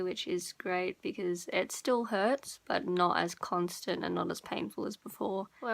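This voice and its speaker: A woman's voice: medium pitch, a bit bright. A young woman vlogger chatting informally to her viewers, rambling a little and correcting herself as she goes. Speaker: beauty and lifestyle vlogger. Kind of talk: casual chat to viewers.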